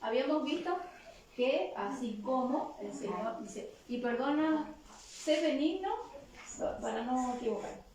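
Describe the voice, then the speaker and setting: A woman's voice: sits high, lively intonation, a little slow, darkish tone. A woman with a Chilean Spanish accent giving an interactive sermon at a church retreat, asking the audience questions and leading call-and-response. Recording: echoey hall picked up from far off.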